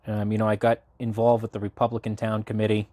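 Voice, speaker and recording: A man in his late twenties from Massachusetts, a local party committee chair, is a guest on a casual podcast interview. He talks at length and fast in a lowish, mellow voice with a completely flat delivery, rambling with many fillers and restarts, and there's no echo.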